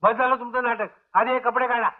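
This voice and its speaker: A man's voice: extremely high pitch, steady tone, fairly quick. An actor playing a stern village man who gives blunt orders and threats, on a tinny old film soundtrack.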